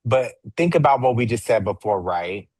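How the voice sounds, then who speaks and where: A man's voice: mid-range voice, normal speed, dry recording. A man in casual podcast chat who steers the talk and slips into quoted voices to act out what he means. His voice sits in a middle range for a man. It is recorded very dry, close to the mic with no room sound. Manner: animated, acts out scenarios in quoted voices; leads and wraps up the discussion. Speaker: podcast co-host.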